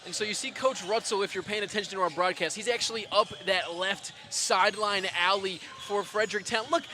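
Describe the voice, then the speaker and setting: A man's voice: high voice, fairly even intonation, a little fast. A twenty-year-old man doing color commentary for a basketball game, chatty and upbeat. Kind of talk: sports commentary.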